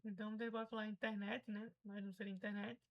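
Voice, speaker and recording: A woman's voice: medium pitch, flat delivery, very fast, dull audio. A Brazilian woman teaching English pronunciation in a casual, chatty way, patiently explaining and repeating example words.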